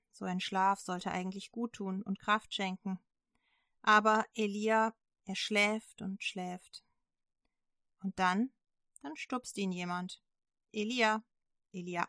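Bright-voiced woman telling a Bible story. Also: medium pitch, dry recording, studio quality. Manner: lively, chatty asides. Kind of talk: Bible story narration for children.

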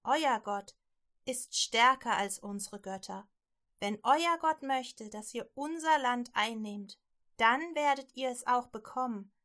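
Woman doing a bold, quick-thinking innkeeper woman, brisk, bright and lively. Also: a little high. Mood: pleading.

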